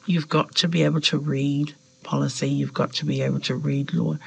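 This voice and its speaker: In a low-quality recording, a member of parliament with Samoan as her first language answers interview questions reflectively. Her gravelly, husky voice sits low at a normal speed, and this New woman is thoughtful and hesitant with fillers, though animated when quoting people.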